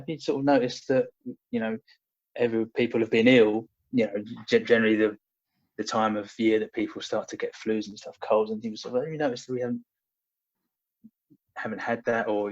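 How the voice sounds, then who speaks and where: A young man with a low-side, slightly mellow voice tells stories casually as a podcast guest. He's a personal trainer, and he hesitates often, full of fillers and restarts. The audio is dull and lo-fi.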